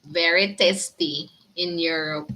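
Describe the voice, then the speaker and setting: Slow, bright-voiced Filipina vlogger. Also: female voice, lowish voice, fairly even intonation. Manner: chatty, giggly, answers viewer comments. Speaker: vlogger answering viewers. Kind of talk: casual live chat with viewers.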